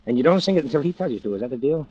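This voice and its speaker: A man's voice: medium pitch, lively intonation, very fast, no echo, lightly acted. An actor playing a cynical, urgent American tough guy, slangy and sardonic, in an old-time radio drama. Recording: muffled vintage radio recording.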